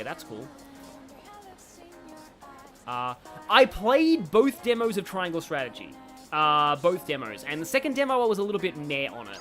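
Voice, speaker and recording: Over game music, a streamer chats and reacts aloud in loose, rambling livestream commentary on the game. The voice is mid-range with a fairly bright tone.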